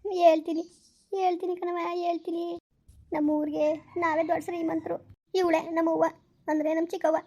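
A woman's voice: extremely high pitch, little pitch movement, brisk, dark tone. A woman doing a tearful village mother's ghost. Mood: resigned. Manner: lamenting, tearful. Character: grieving dead village mother's spirit. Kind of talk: village skit acting. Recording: dull lo-fi recording.

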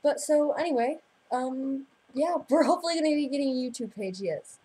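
A woman's voice: high voice, expressive, a little fast, warm tone, rough recording. A teenage girl hosting a casual vlog, bubbly and giggly, rambling between topics. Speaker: vlog host. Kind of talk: casual chat.

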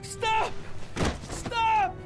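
Very high, frenzied game interrogator. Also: male voice, little pitch movement, very slow, music in the background, full character voice. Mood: enraged. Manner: overwrought, hammy delivery. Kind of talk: video game drama acting.

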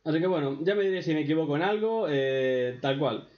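A streamer with a Spain Spanish accent does crude reaction commentary, foul-mouthed, sarcastic, and mocking. His voice is a little high with lively intonation and a fairly quick pace, recorded in an echoey room with dull lo-fi sound.

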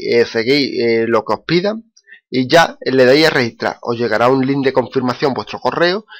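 Man walking through a website. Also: mid-range voice. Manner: repetitive, many "eh" fillers, stresses "muy importante". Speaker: blogger explaining paid survey sign-up. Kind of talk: screen-recorded tutorial walkthrough.

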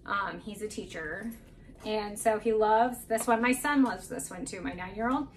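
A woman in her thirties, a vlogger, chats casually and candidly through her groceries in a home kitchen, adding self-deprecating asides. Her mid-range voice moves at a moderate pace. A camera mic a few feet away puts her far from the microphone, with slight background noise.

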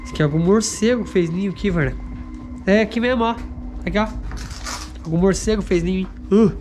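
High-voiced southern Brazilian man over music. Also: fast talker. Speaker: paranormal investigation vlogger. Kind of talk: casual on-location commentary. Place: inside an abandoned wooden house at night. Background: loud music.

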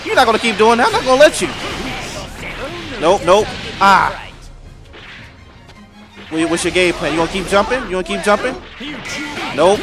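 Gaming host, man, high voice, excitable live commentary with outbursts, game music audible behind. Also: normal speed, long pauses. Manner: excitable, talks to the screen, frequent outbursts and shouts.

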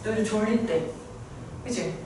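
A woman teaching a poem in a chatty, playful lecture, firing quick questions at her students. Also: mid-range voice, darkish tone, a little hiss or hum. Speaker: Korean literature teacher. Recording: echoey room heard from a distance.

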